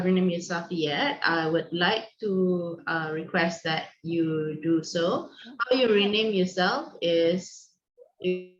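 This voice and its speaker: A Malaysian woman, co-founder and host of an online teachers' session, explains the meeting rules in a friendly, instructive manner, full of ums and restarts. Her voice is slightly low. The video call microphone gives dull, lo-fi audio with a roomy echo.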